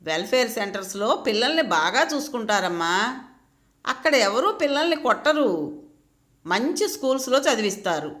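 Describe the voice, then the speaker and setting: A woman as a gentle, soothing grandmother. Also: a little high, very animated, normal speed. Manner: soothing, coaxing.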